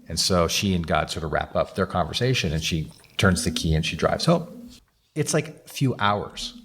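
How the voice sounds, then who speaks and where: A man's voice: low-pitched, a little hiss or hum. A man, a guest author, telling a story on a live podcast and acting out the quoted dialogue with animation.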